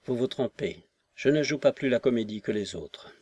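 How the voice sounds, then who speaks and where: A man's voice: mid-range voice, expressive, moderate pace, mellow, dry recording, natural voice. A man playing a guarded, ironic young man. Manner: cool, ironic, evasive. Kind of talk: audiobook character reading.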